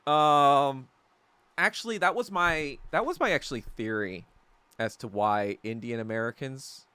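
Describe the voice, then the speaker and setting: A man's voice: medium pitch, measured pace, sharp tone, clean tone, dry recording. A man hosting a casual livestream podcast, rambling and opinionated with plenty of swearing and fillers. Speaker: podcast host.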